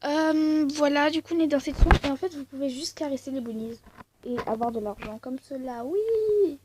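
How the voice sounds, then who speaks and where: A woman's voice: high voice, fairly even intonation, a little fast. A young woman casually commenting on a game she plays, rambling with many fillers. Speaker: gaming video creator. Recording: faint background noise.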